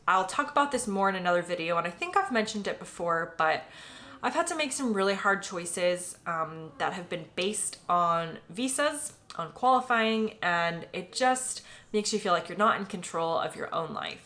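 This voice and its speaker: A woman's voice: medium pitch, fairly bright tone. An American woman in her late twenties, talking casually to the camera in a personal vlog, full of "um" and "like" fillers. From United States. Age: late 20s. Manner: chatty, filler-heavy, often says "like" and "um". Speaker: vlogger.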